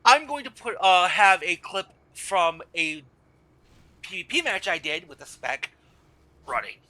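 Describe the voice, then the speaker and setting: Man, tired, high-pitched, very bright tone, casual game guide, rambling, self-correcting. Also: big pitch swings, unhurried, rough recording. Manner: rambling, often stops to correct himself. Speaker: gamer explaining a game class.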